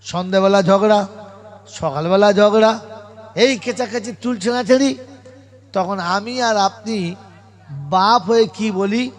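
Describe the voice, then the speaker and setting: A man, an Islamic preacher telling a story in a sermon, loud and scolding, firing rhetorical questions at the crowd. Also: high voice, slow, pauses often. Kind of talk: storytelling sermon at a religious gathering.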